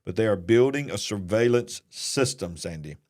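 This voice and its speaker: With a fairly low, slightly mellow voice, this Southern-accented host delivers animated live-stream commentary at a normal speed. His style is folksy and jokey, and he likes to mock fake accents.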